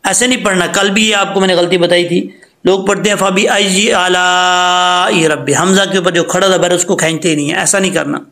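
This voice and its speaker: Bright high-voiced man teaching recitation. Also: steady tone, gravelly. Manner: patient, explains step by step, then chants slowly. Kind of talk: tajweed lesson with recited examples.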